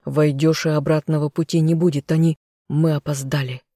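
A woman's voice: deep voice, level tone, normal speed, mellow, no echo, clean studio sound. A woman voicing a bold, restless man, the heroine's lover, who teases and gives urgent orders in an audiobook reading.

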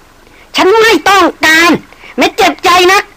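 Woman doing a shrill furious young lady. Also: lively intonation, normal speed, a bit bright, poor audio. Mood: shrill fury. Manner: shrill and scornful. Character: haughty angry young woman, employer's sister.

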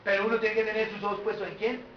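A man's voice: sits high, monotone, racing, soft background music. A man preaching a sermon, telling the story with animation and throwing rhetorical questions at the congregation. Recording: echoey hall, distant mic, dull lo-fi.

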